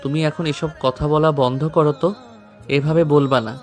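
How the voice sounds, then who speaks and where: A hurt young man lying injured, as a performer plays him, speaking in a strained, quiet voice that is fairly high for a man. Faint music hums underneath this storybook drama. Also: steady tone, moderate pace, lightly acted. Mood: weak, pleading. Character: wounded young man, weak but resolute. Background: faint background music.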